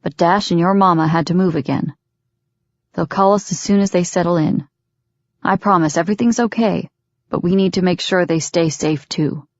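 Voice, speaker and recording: A rough-voiced, dominant grown man in an audiobook, clipped and commanding, as a woman reader puts him on. The voice sits low, and the recording is dull and lo-fi with a dry, close sound. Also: normal speed, no echo. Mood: gentle. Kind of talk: audiobook character voice.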